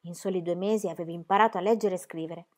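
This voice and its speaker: A woman reading a historical novel aloud as a first-person audiobook narration, soft and measured. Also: on the low side, steady tone.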